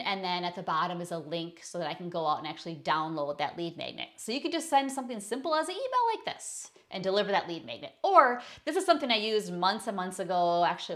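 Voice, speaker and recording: A woman's voice: fairly low pitch, fairly bright tone. A woman coaching online business owners in a casual screen-share tutorial, chatty and self-correcting as she talks through her slides.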